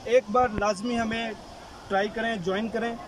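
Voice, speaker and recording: A man's voice: sits high, fairly even intonation, normal speed. A young man from Pakistan holding a phone at arm's length outdoors, talking to viewers in a chatty, promotional way as a travel vlogger and tour organizer. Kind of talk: selfie travel vlog. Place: outdoors by a road and on a hill trail. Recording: noisy outdoor phone recording.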